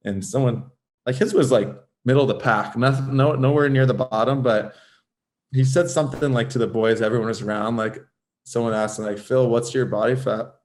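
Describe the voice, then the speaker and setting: A man's voice: mid-range voice, brisk, a little mellow. A man in his thirties from Southern California, a guest on a casual podcast interview, rambling and filling his speech with "like". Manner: rambling, fills speech with "like", restarts often. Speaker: guest, former pro hockey player.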